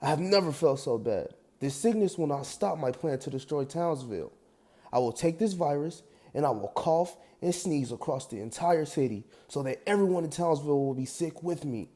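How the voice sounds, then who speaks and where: A man's voice: a little high, animated, normal speed, dark tone, close to an everyday voice. A man voicing a scheming cartoon villain who is sick with a cold and plots to spread it, with evil cackling and sneezes. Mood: menacing. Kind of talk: amateur parody voice acting.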